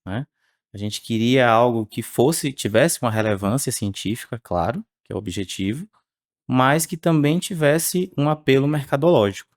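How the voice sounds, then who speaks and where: A man, speaking as the researcher guest on a podcast interview in a measured way with frequent tag questions. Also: medium pitch, no room sound, studio quality. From Salvador, Bahia, Brazil.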